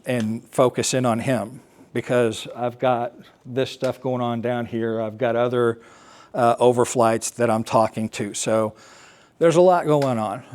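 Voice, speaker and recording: Speaking to an assembly, an American man shares personal stories from his time as an air traffic controller. His delivery is halting and explanatory, full of pauses, and his medium-pitched voice has a darkish tone.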